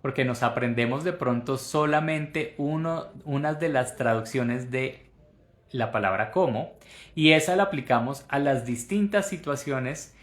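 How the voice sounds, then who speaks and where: A man from Colombia teaching English in Spanish, slowly modeling English phrases and repeating them for learners. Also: mid-range voice, roomy sound. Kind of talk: Spanish-language English lesson.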